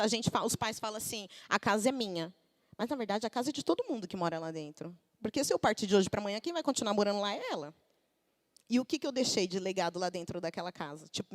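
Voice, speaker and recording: A Brazilian woman in her thirties preaching a conversational sermon in a church. She often asks the congregation questions and acts out little everyday quotes. Her voice sits at an ordinary middle pitch. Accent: Brazilian Portuguese. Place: church service.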